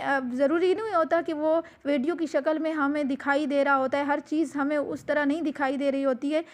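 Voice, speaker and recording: A woman's voice: high-pitched, fairly bright tone. A woman teaching the pronunciation of Arabic letters in a recorded lesson, patient and repetitive, stretching out each letter as she demonstrates it. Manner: patient, repeats instructions, drawn-out letter demonstrations. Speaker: Quran recitation teacher.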